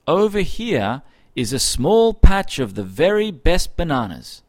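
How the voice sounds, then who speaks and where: A man's voice: a little high, very animated, a little slow, pitched above the performer's own voice. A man doing a clever, firm young girl.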